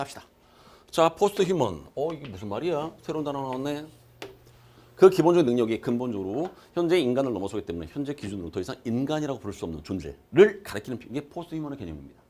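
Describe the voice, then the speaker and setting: A male lecturer teaches a recorded exam-prep class. His pitch swings widely as he asks questions and answers them himself, and he repeats key terms again and again. A faint hiss runs under the recording. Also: mellow. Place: lecture room.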